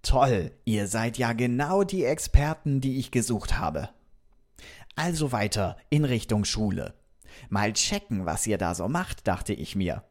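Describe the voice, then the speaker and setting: With a fairly low voice at a measured pace, a man plays a friendly, curious robot from another planet. He tells a children's story in a lively way, speaking straight to the kids and asking them questions.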